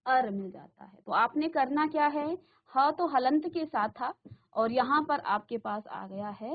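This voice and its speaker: A woman's voice: sits high, muffled recording. A woman teacher giving a classroom grammar lesson, repeating terms and asking the class questions, in a virtual classroom studio.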